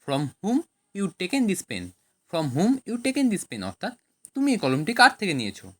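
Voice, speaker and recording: Woman teaching translation with lively pitch. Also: a little slow. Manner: reads each sentence in Bengali, then English, then explains. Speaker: language teacher. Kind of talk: scripted translation lesson.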